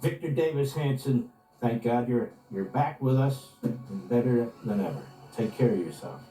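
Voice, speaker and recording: A man's voice: medium pitch, lively intonation, moderate pace, mellow. A man hosting a broadcast news interview show. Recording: roomy distant sound, music behind.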